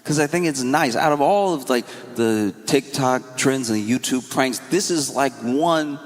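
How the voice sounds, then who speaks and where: A man's voice: medium pitch, unhurried. A man performing stand-up comedy on stage in a loose, conversational way, riffing as he goes. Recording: reverberant venue with crowd noise.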